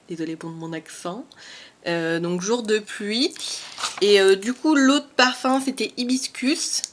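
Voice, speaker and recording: A woman's voice: medium pitch, slow pace. A young woman with a French accent chatting casually through a haul video at home, hesitant and full of fillers, recorded on a camera mic. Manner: hesitant, many fillers and repetitions. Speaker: beauty vlogger. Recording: faint background noise.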